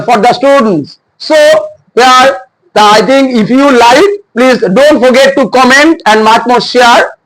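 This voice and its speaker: A man teaches a spoken class in a very high voice. His delivery is halting, with words repeated and corrected as he goes. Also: a bit bright, low-quality recording. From India. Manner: halting, repetitive phrasing with self-corrections. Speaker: English teacher. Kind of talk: spoken English lesson.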